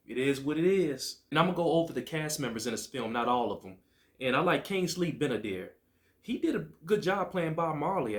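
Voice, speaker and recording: A man hosting his own show, giving a casual, chatty film review in a relaxed way. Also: mid-range voice. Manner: relaxed, chatty, upbeat greeting. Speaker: movie reviewer, host.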